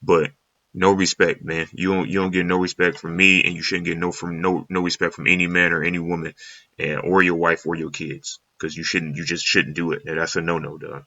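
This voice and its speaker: A man's voice: low-pitched, little pitch movement, fairly quick, sharp tone. A man giving blunt, slangy, casual commentary with strong opinions. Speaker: video commentator. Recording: echoey room, slightly dull sound.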